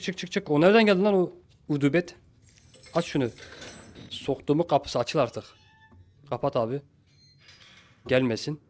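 A man doing a let's play commentary of a horror game, swinging between frantic yelling at pursuers and quiet muttering. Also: medium pitch. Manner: frantic shouting at pursuers, then calm muttering. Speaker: gameplay streamer.

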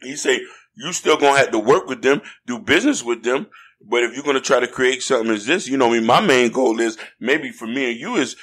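An American man co-hosting a casual podcast, earnest and a little preachy. His voice sits in a middle pitch and keeps checking in with the listener as he talks. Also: expressive, fast talker, fairly bright tone, breathy edge. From United States. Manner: earnest, preachy, fond of "you know what I mean". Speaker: podcast co-host. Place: podcast studio in Florida.

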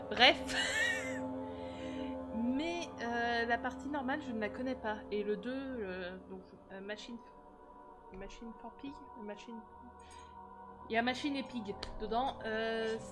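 A young French woman hosting a gaming live stream, rambling cheerfully with fillers and little giggles. Her voice sits a touch high. Music plays clearly behind her. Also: measured pace. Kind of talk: casual live-stream chatter.

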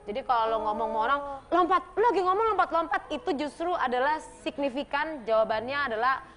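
A woman's voice: sits high, expressive, fast, a bit bright, a little hiss or hum. A woman on a talk show confidently analyzing someone's expressions and tone. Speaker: expression-reading expert guest.

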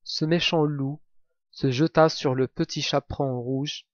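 A male teacher reads a classic tale aloud at a deliberately slow pace, articulating each word carefully. The recording is dry and slightly dull, as if from a modest home mic. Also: a little high, steady tone, no room sound. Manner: careful, clearly articulated reading. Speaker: French reading teacher.

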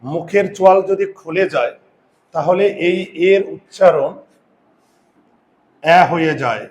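A man teaching a grammar lesson who sounds out vowels slowly, repeats words and asks his students questions. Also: a little high, a little mellow. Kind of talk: classroom lesson.

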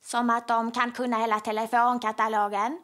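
A woman's voice: fairly high pitch, little pitch movement, fairly bright tone, natural voice. An actress playing a chatty female bystander who explains things at length.

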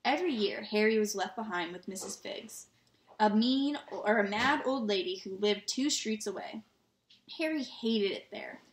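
Woman reading a kids book aloud, relaxed, a few slips, echoey room. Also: mid-range voice, moderate pace. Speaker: reader. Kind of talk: storybook read-aloud. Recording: roomy echo.

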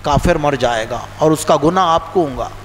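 High-voiced preacher in a reverberant hall. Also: male voice, normal speed. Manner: emphatic, repeats phrases, swings between soft low lines and raised outbursts. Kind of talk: religious sermon. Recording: long hall reverb with faint noise.

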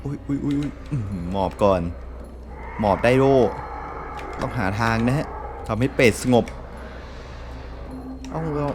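A man's voice: medium pitch, measured pace, pauses often, music in the background. A man from Thailand giving jumpy, exclaiming commentary over a horror game, swearing often. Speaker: gameplay streamer.

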